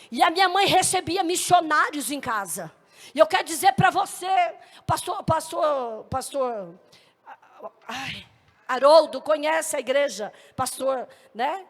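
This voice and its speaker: Woman pastor, high gravelly voice, emphatic testimony sermon in a reverberant hall. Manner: emphatic, often rising to shouts.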